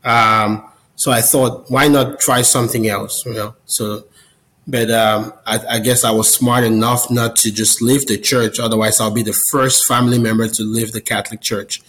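Man, forties, from Cameroon, podcast guest, video call, friendly, earnest storyteller, middle pitch. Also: little pitch movement, moderate pace, a bit bright, poor audio. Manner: friendly, earnest, talks through a personal story at length. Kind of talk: casual interview storytelling.

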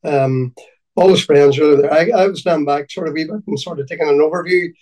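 A man with a Donegal Irish accent reminiscing in conversation, haltingly and often repeating his words. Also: a little high, steady tone, dark tone, far from the mic, low-quality recording. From County Donegal, Ireland.

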